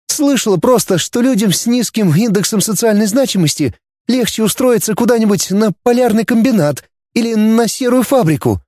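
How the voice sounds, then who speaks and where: A man voicing an earnest young woman who is quick to take offense, in a high, pleading, indignant tone. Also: expressive, warm tone, dry recording, clean studio sound. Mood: subdued.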